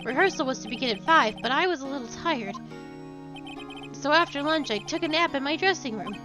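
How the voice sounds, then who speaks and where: A woman's voice: high voice, expressive, a little fast, over music. A woman voicing a tired, apologetic male actor in a video game, speaking in a subdued, hesitant way. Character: apologetic, tired male action-show actor accused of murder.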